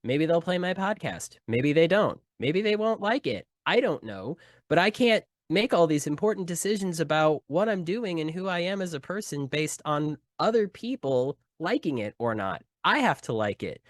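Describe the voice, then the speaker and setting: A man's voice: on the high side, sing-song, normal speed, few pauses, no echo. A man who is a podcast guest, talking in a reflective, earnest way in a casual conversation. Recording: dry close sound.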